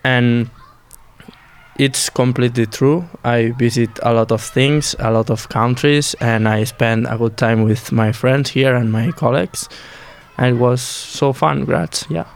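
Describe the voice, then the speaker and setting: A young man speaks as a guest on a student radio show. His English is simple and a little halting, and his smooth voice stays level and even. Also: medium pitch. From Catalonia. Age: young adult.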